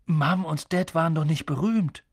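Man voicing a young boy, timid, curious, higher voice, dry sound. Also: moderate pace, no room sound. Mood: puzzled. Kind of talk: audiobook reading.

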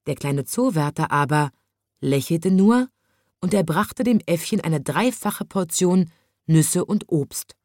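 A woman narrating a children's storybook in an even, measured reading voice. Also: low voice, no echo, clean studio sound.

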